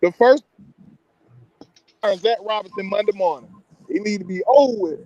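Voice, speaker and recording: A man's voice: high voice, moderate pace, darkish tone. A man chatting on a watch party, firm and emphatic. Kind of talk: casual live watch party chat. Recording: slightly dull lo-fi audio.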